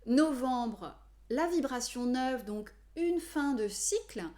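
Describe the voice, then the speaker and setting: A woman numerology coach explaining to viewers in a measured way, with frequent hesitations. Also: sits high, expressive, mellow. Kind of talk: explanatory video talk to viewers.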